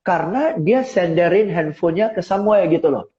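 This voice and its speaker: Middle-aged guy coaching sales on a video call, lively, a bit high voice, kinda muffled audio. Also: fairly quick. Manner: lively, rhetorical, asks listeners to agree. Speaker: seminar speaker and sales coach. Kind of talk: live online talk. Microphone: phone on a tripod.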